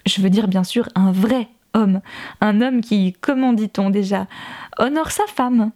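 A woman's voice: medium pitch, a little slow, darkish tone, close to an everyday voice. A woman voicing a spiteful village mother in her thirties, who mocks with sugary false pity. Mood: falsely contrite.

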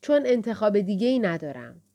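A woman's voice: medium pitch, big pitch swings, mellow, close to an everyday voice. A woman narrator voicing a distressed young woman who speaks in a pleading, insistent way. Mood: upset.

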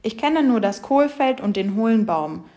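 A woman's voice: fairly high pitch, animated, moderate pace, mellow. A woman voicing a cheerful, proud little male butterfly who giggles.

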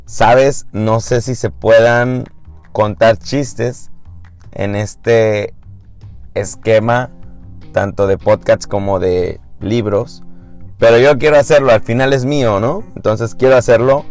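A man hosting a podcast, telling a joke in a relaxed way and talking straight to the listener. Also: lowish voice, takes it slowly, soft background music. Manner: relaxed storytelling, addresses the listener. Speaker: podcast host.

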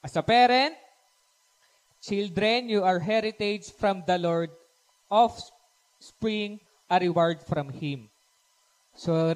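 A man delivers a lively Taglish sermon to his congregation. His voice sits high for a man, and he acts out family quarrels as he preaches, often checking that his listeners agree. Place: church service streamed live.

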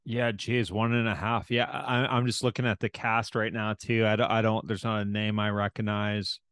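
A man's voice: on the low side, little pitch movement, fairly bright tone, clean tone, dry recording, studio quality. Stammering man in casual podcast chat. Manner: halting, repeats words, swears casually. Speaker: podcast host.

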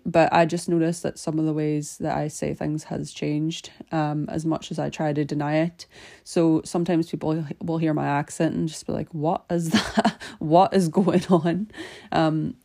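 Chatty Northern Irish woman, low gravelly voice. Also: darkish tone. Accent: Northern Irish with a slight Scottish twang. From Northern Ireland. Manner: chatty and rambling, with many fillers and laughs. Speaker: podcast host. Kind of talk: casual cleaning podcast chat.

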